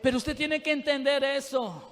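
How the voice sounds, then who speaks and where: A man preaching with fervent intensity, speaking straight to his congregation. His voice sits very high for a man. It rings with the long reverb of a church hall. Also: normal speed, fairly bright tone. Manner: fervent, addresses the congregation directly with rising intensity. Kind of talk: sermon.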